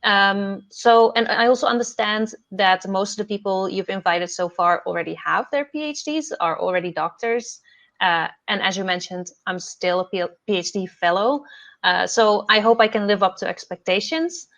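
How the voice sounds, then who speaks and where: A young Dutch woman, a PhD fellow who hosts a podcast, speaks earnestly about her career path over a video call. Her medium-pitched voice has a fairly bright tone, and she pauses and uses fillers a lot.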